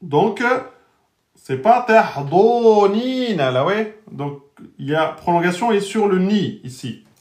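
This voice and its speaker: A man teaching Arabic letters in a live online lesson, spelling out each letter and vowel and repeating every word slowly. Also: high-pitched, expressive, reverberant. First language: French speaker teaching Arabic.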